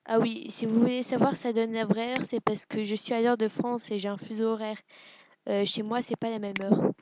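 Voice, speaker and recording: A woman's voice: a little high, level tone, moderate pace, darkish tone, a little hiss or hum, low-quality recording. A woman giving casual gameplay commentary, hesitant and self-deprecating, musing aloud with lots of fillers. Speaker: let's play gamer.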